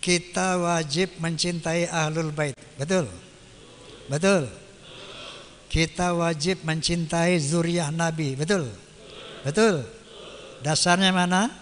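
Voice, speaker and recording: A man preaches in a relaxed, colloquial manner and keeps turning to his listeners with questions. His voice sits high. A long reverb trails his words, as in a large hall. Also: slight background noise. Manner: asks the audience rhetorical questions; casual, colloquial delivery. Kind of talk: sermon.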